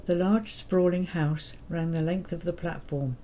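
An elderly woman reads from her memoir in a low, mellow voice. Her telling is gentle and quietly wry. She keeps an even storyteller's pace. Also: measured pace, slight background noise. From England. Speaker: memoir narrator. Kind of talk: reading a childhood memoir.

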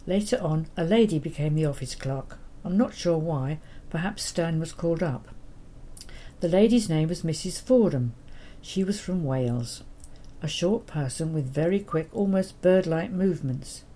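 A woman's voice: sits low, lively intonation, normal speed. Older woman reading her memoir. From England. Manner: gentle, wry storytelling. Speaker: memoir narrator.

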